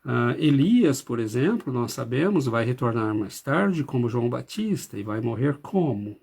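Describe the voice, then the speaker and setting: A man giving a reflective spiritist lecture, pausing often and hesitating as he speaks. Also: mid-range voice, very animated, vocal fry, a little mellow, husky. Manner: slow, reflective, with frequent hesitations. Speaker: spiritist study group speaker.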